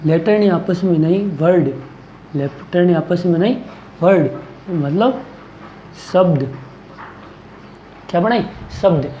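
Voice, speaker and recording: Mellow teacher drilling with repeated questions. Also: mid-range voice, slow, pauses often, roomy sound, highs cut off, a little hiss or hum. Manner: asks questions and answers them, repeating key words. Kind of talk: classroom grammar lesson. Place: coaching classroom.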